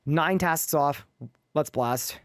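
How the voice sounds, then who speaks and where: A man's voice: on the high side, slow, no room sound, studio quality. A sleep-deprived man streaming a game live, chatting casually and reading his chat aloud.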